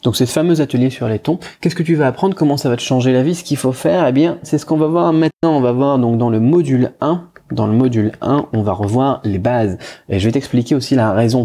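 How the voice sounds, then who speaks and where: A man teaching Chinese tones, talking informally in a casual pitch for his course, repeating himself with many fillers and restarts. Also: mellow, breathy edge. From France.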